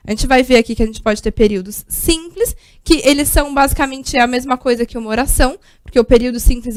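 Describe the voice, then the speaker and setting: A woman's voice: sits high, no room sound, studio quality. A Brazilian woman teaching a recorded grammar lesson over slides, explaining step by step and checking in often with short tag questions. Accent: Brazilian Portuguese.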